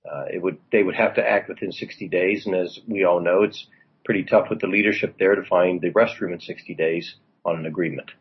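In a deep, steady voice with a breathy edge, a former congressman talks fairly quickly about current events on political talk radio. He rambles, leaning on fillers and asides. The audio comes through muffled.

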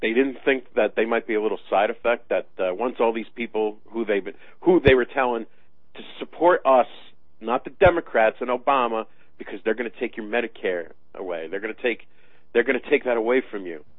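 A man giving halting, sardonic political commentary in a conversational style over the phone. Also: mid-range voice, no echo. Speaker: political talk radio commentator. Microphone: phone line. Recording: tinny phone-line sound.

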